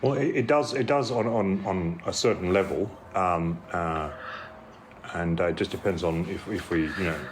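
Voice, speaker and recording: A man's voice: deep voice, moderate pace, a little hiss or hum, close to an everyday voice. A man playing a rambling male therapist who stammers through false starts and hedges constantly. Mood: hedging. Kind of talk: improvised comedy dialogue.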